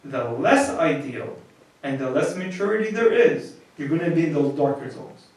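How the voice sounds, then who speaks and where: A priest with a fairly high voice gives a marriage lecture in a plain, conversational way, restarting and repeating words as he goes. He is heard from well off the mic, and his voice bounces around a very echoey room. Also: lively intonation, normal speed, darkish tone, recorded from a distance. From United States.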